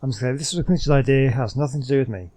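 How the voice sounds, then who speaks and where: A man's voice: mid-range voice, very fast, dark tone. A man streaming a game with casual, rambling commentary, muttering his reactions as he plays. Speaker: gaming streamer.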